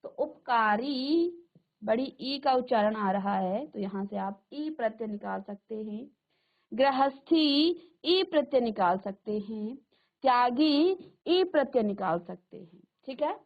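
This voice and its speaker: Slow, patient woman teaching a class. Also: fairly high pitch, lively intonation, phone-quality sound. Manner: slow, repeats each word and asks the class. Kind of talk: classroom lesson. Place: virtual classroom studio.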